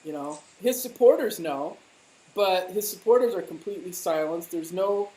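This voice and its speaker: A woman's voice: lowish voice, animated, normal speed, warm tone, low-quality recording. A woman talking politics in casual chat, heated and mocking, with a lot of swearing. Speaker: political commentator.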